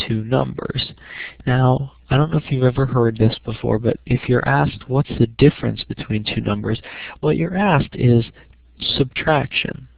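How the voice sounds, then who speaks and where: A man's voice: mid-range voice, creaky, dry recording. A middle-aged man giving an informal, step-by-step lesson as a teacher, often checking in with "okay". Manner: checks understanding with frequent "okay". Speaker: math teacher. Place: small room at home. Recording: dry, dull lo-fi home recording.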